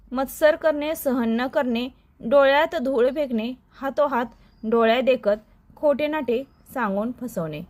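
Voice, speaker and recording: Female tutor, slow measured dictation of idioms and meanings, voice a bit high. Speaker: teacher. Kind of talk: reciting Marathi idioms for exam prep.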